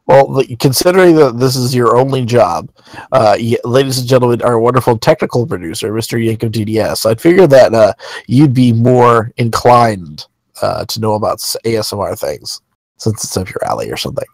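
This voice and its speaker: A man's voice: mid-range voice, expressive, brisk, no room sound, poor audio. A man hosting a wrestling news podcast, reading news and teasing his co-hosts in joking banter. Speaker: podcast host. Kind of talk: casual podcast chat.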